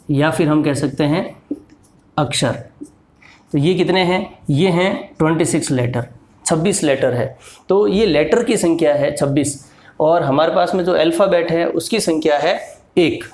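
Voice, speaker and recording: A man's voice: on the high side, darkish tone, roomy sound. A man teaching English to beginners, explaining each letter's sounds and patiently repeating words and examples. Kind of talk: slow explanatory lesson.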